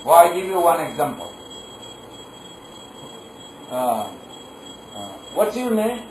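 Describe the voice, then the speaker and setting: A man's voice: on the high side, sing-song, takes it slowly. A man preaching a devotional sermon to a live audience, often quizzing the listeners with questions. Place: large gathering hall. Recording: echoey hall, distant mic, faint noise.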